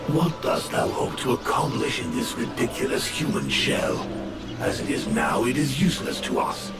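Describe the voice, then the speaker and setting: An actor playing an imperious ancient flame spirit in a video game, declaiming accusations in grandiose archaic speech. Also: male voice, mid-range voice, huge pitch swings, normal speed, vocal fry. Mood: wrathful, commanding. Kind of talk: video game character acting. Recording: distant-sounding voice under very loud music.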